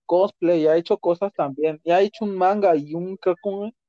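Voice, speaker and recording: A man's voice: high-pitched, normal speed, dry recording. A young man with a Mexican accent, telling stories in crude slang in a casual chat. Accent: Mexican Spanish. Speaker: co-host. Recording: dull lo-fi dry recording.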